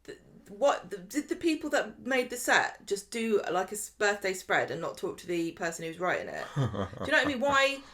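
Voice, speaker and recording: A woman co-hosting a podcast, chatting casually and complaining in an incredulous, animated way. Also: mid-range voice, normal speed. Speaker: podcast co-host. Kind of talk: casual chat.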